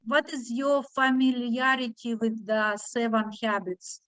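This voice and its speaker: A woman with a foreign accent speaks in a fairly high voice, leading an online group over a video call. She talks haltingly and restarts often. The sound is dry and close. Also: fairly even intonation, a bit bright, no room sound, rough recording. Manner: halting, many fillers and restarts. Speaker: discussion group leader.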